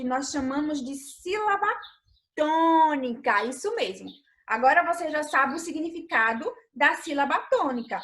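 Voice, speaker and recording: A Brazilian woman with a Brazilian Portuguese accent, a primary school teacher giving a recorded remote lesson, patient, stretching key words slowly and asking her pupils questions. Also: sits high, pushed and bright.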